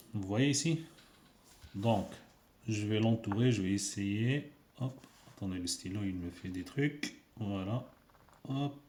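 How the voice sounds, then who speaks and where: A man's voice: mid-range voice, a little mellow. A man teaching a casual video lesson, patiently repeating sounds for learners. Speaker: Arabic teacher. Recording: echoey room.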